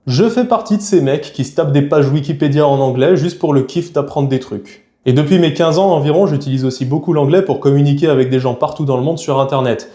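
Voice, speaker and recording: Fast-talking young French man. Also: fairly high pitch, dark tone, roomy sound. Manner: frank, chatty, slangy. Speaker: YouTuber. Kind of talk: casual talking-head vlog.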